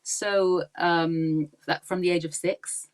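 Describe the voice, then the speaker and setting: This podcast guest, a woman in her forties who grew up in Pakistan, talks at a slow pace in a fairly low, steady, clean voice. The casual interview chat finds her warm and chatty, laughing easily between thoughts and saying um often.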